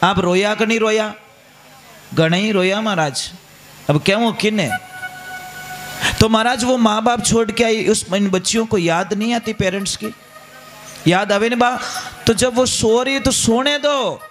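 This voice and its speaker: A man's voice: sits high, a little slow, long pauses, a bit bright, faint music behind. A man with a Rajasthani accent telling a moral story in a folksy devotional sermon, speaking straight to his listeners. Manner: folksy, addresses listeners directly as "maharaj". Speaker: religious storyteller.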